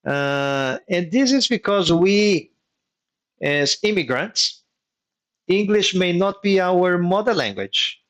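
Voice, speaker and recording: Animated yet unhurried, a man whose first language is Portuguese hosts an online workshop live, mentoring engineers about migration. His fairly bright voice sits a bit higher than most men's, and he teaches methodically, revisiting key points so they stick.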